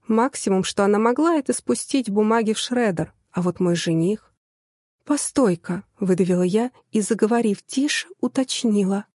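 A woman narrating a first-person audiobook in an expressive, lively reading style, on a close studio mic. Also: mid-range voice, no echo.

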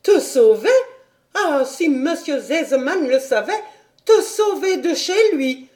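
Woman reading as a shrill, scolding governess. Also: animated, moderate pace, a little mellow. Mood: indignant scolding. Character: strict indignant woman governess. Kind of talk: audiobook character voice.

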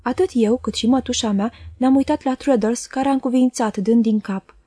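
Woman audiobook reader, calm and measured, mellow warm tone, dry close sound, somewhat high voice. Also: breathy edge, dry recording. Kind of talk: literary audiobook narration.

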